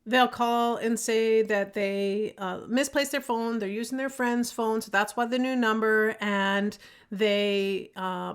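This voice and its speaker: A woman's voice: medium pitch, vocal fry, smooth. A woman in her thirties hosting a solo podcast, talking casually and earnestly with many fillers and restarts. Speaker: podcast host.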